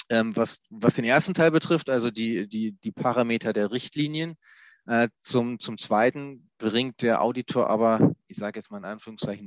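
A man's voice: medium pitch, no echo. A man explaining password security in a conversation, with frequent hesitations and restarts. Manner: hesitant, many fillers and restarts. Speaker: IT security expert guest.

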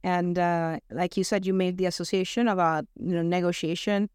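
A middle-aged woman from Venezuela speaks with an American accent as a podcast guest. Her voice is smooth and clear, and it sits dry and close to the mic. She sounds upbeat and thoughtful in casual talk. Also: on the low side, steady tone, brisk, darkish tone, dry recording. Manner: upbeat, thoughtful, frequent "you know" and "right?". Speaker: podcast guest, talent acquisition director. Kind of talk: casual interview chat.

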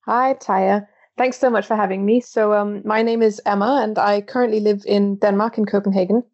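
A young woman from Belgium chats as a podcast guest in a gravelly, dark voice. She often breaks off and restarts her thoughts. The lo-fi remote audio dulls her sound. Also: mid-range voice, fairly even intonation, normal speed. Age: 20s. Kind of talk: interview conversation.

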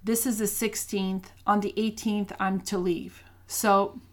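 A woman's voice: medium pitch, little pitch movement, measured pace. Earnest woman telling a faith story. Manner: earnest, storytelling, many restarts. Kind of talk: casual faith talk with personal story.

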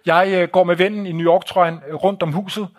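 A man's voice: high voice, fairly even intonation. A man telling a travel story to an audience in a live talk, vivid and blunt, with swearing and pointing out photos.

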